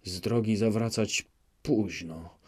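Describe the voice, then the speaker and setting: A man's voice: on the low side, takes it slowly, a little mellow, breathy edge. A man reading a drunken, brooding Cossack leader in an audiobook, muttering and trailing off. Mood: drunken rambling.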